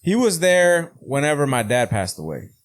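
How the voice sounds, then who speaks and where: A man's voice: a little high, big pitch swings, moderate pace. A man co-hosting a podcast, chatting casually in an informal, slangy way. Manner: informal, slangy, often saying "bro".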